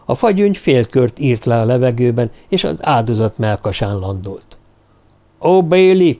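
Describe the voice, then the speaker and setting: A man narrating a novel as an audiobook in a steady, measured way. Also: medium pitch. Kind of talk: scripted narration.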